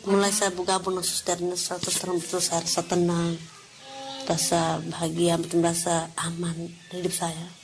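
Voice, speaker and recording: A woman's voice: lowish voice, completely flat delivery, normal speed, faint music behind. Middle-aged woman telling her story. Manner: plain, conversational storytelling. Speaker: interviewee, mother. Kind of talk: personal testimony.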